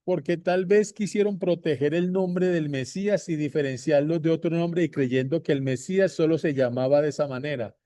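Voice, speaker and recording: Male Bible teacher, unhurried and repetitive, dark mellow tone, dry close sound. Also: fairly high pitch, no room sound. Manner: repeats points slowly, addresses viewers directly. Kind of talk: slow deliberate bible teaching.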